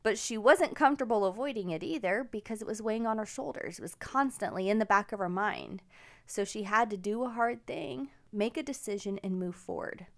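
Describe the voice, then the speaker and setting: A woman's voice: mid-range voice, a little fast. Middle-aged woman hosting a motivational podcast, upbeat and encouraging, chatty personal stories. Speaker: podcast host. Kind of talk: casual personal storytelling.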